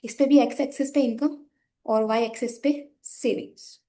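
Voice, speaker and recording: A young Indian woman with a hoarse, sore voice, patiently teaching an economics lesson while drawing graphs and speaking softly. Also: on the high side, steady tone, normal speed. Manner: patient, repeats "ठीक है" often, switches between Hindi and English.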